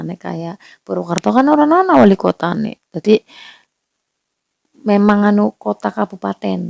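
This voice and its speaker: A woman speaks in a Banyumasan Javanese accent, rambling casually and asking her listeners rhetorical questions. Her voice is low in brightness, mellow and gravelly with fry. The sound is dry and close. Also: no room sound. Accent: Banyumasan Javanese (ngapak). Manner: chatty, many fillers, asks rhetorical questions. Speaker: host. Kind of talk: casual talk about local history.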